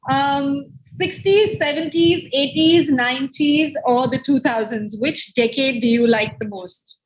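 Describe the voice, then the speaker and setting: A woman hosting a virtual dating show over a video call, upbeat and firing off quick questions. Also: high-pitched, muffled recording. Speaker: show host.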